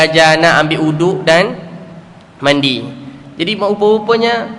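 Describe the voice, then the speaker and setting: In an echoey hall with faint background noise, a middle-aged man with a Malaysian accent delivers a sermon in a high, somewhat bright voice. He tells earnest stories to the congregation, repeats important phrases and poses rhetorical questions.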